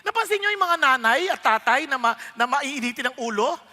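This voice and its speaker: High-voiced, bright Filipino pastor preaching. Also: male voice, a little fast, in a large hall. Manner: lively storytelling, acts out voices, asks the audience questions. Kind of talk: sermon.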